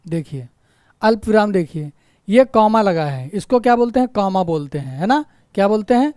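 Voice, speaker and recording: A man's voice: high-pitched, lively intonation, moderate pace, darkish tone, clean tone, no room sound, clean studio sound. A man teaching Hindi grammar in an online exam-prep lecture. He asks rhetorical questions, answers them himself, repeats key points and keeps checking in with his students. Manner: repeats key phrases for emphasis.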